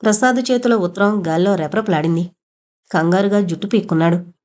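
A woman's voice: mid-range voice, a little fast, a little mellow. A woman reading an audio novel aloud, narrating and voicing every character herself with small shifts in her voice.

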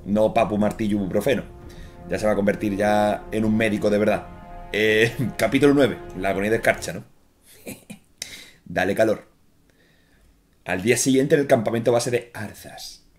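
A man's voice: on the low side, moderate pace, long pauses. A man in his thirties with a Castilian Spanish accent giving casual, jokey gameplay commentary in an informal, chatty way. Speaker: gaming streamer. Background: game music.

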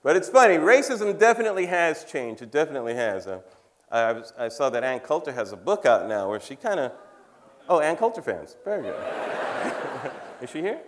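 Speaking at a moderate pace in a fairly high, very animated voice, this fifties-aged comedian and cultural commentator performs stand-up on a big theater stage. He keeps it wry and chatty for the live audience, ribbing them and chuckling at his own lines.

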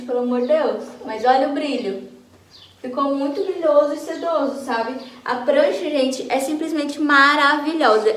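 A Brazilian woman with a Brazilian accent, chatting enthusiastically in a casual beauty vlog from her home. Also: sits high. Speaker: vlogger. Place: home, bathroom then by a window. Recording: echoey room with faint noise.

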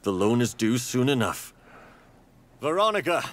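A man's voice: medium pitch, very animated, a little slow. An actor in a dubbed film playing a cold, threatening lender and father, with a noisy recording.

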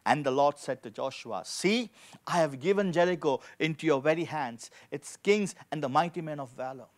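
Standing at a lectern before a dark studio backdrop, a middle-aged man delivers an emphatic sermon as a pastor into a handheld mic. He speaks at a moderate pace in a fairly high voice, returning to key phrases and asking rhetorical questions.

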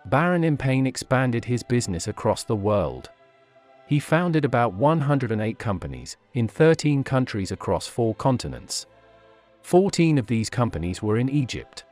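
A man reading scripted documentary narration for a walking tour, in a measured, list-by-list delivery. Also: mid-range voice, big pitch swings, darkish tone, faint music behind.

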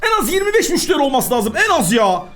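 A man hosting a gaming channel, giving excitable, chatty commentary while he plays and talks to the customers in the game. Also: extremely high pitch, fast talker, faint music behind.

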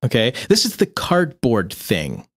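Lively, joking male podcast co-host. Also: medium pitch, unhurried, slightly rough. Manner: joking, playful asides. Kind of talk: casual gaming podcast chat.

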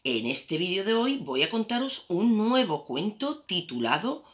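A young woman teacher, telling a story slowly to small children, switching between two languages and repeating words. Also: medium pitch. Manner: slow, animated, sing-song reading with repetitions.

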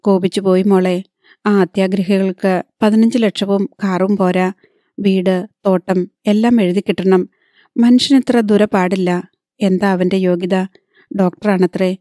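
A woman voicing a proud, hot-tempered aging wealthy father in an audiobook, commanding yet soft with his daughter. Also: high voice, steady tone, measured pace, no echo, clean studio sound. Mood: weary, tender.

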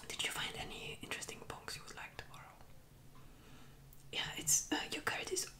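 A young woman doing a whispered role-play as a helpful librarian, in a soft, polite, unhurried library whisper with hesitant pauses. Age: young adult. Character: helpful, chatty young librarian serving a visitor. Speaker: ASMR creator playing a librarian. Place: small indoor room at home. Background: computer keyboard typing.

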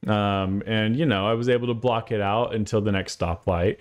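Low-voiced man telling a faith story. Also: steady tone, moderate pace. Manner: earnest, conversational, with acted asides. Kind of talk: personal testimony storytelling.

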